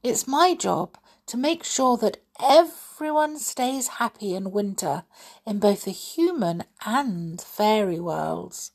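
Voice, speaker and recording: A gentle girl fairy with a soft, pleading storybook lilt, as a woman reading aloud puts her on. The voice moves slowly, with a gravelly, husky edge. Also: medium pitch, expressive, heavily acted. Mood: earnest. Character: kind gentle girl fairy, snow queen.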